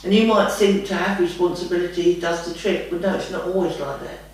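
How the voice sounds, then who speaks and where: A woman's voice: on the low side, fairly quick. A woman speaking as a trance medium, answering questions in a homely, rambling way and calling the listener lovey. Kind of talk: spiritual guidance session, casual chat. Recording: very echoey room, far from the mic.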